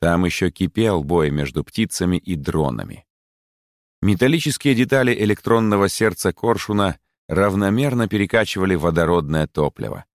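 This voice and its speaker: A man narrating an audiobook story in an expressive, measured way. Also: low voice, no room sound, clean studio sound.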